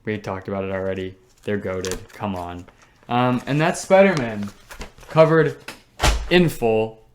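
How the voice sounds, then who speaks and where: A man's voice: on the low side, measured pace, a little hiss or hum. A young man co-hosting a casual podcast chat, enthusiastic and slangy, teasing his co-host.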